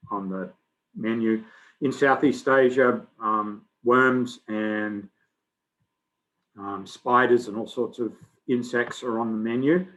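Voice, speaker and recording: A middle-aged man from Australia, giving a relaxed, conversational biology lecture full of fillers. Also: fairly low pitch, poor audio. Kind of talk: recorded lecture.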